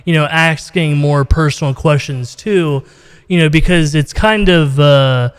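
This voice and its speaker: At a measured pace, an Ohio-born podcast host with a fairly high, clear, resonant voice conducts an informal video-call interview, rambling and saying "you know" often. The room he's in indoors is reverberant with a long echo tail.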